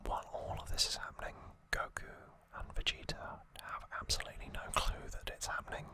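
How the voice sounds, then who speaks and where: This clip features an ASMR creator who hosts the video, whispering gently throughout. The delivery is explanatory and casual, taking its time, with a soft whisper that carries no voiced tone.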